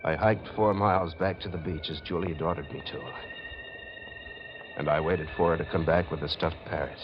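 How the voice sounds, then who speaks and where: On a dull old recording, a male actor in a 1940s radio mystery narrates in first person as an uneasy, hard-boiled drifter pulled into crime as a reluctant accomplice. His voice is low and close to everyday speech, brisk and fairly even in intonation, terse and brooding over music.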